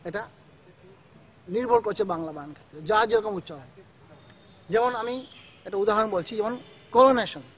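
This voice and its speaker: A male school teacher with a high-pitched voice takes his students through a grammar lesson step by step, frequently checking in with "ঠিক আছে?". There is a little hiss or hum in the recording.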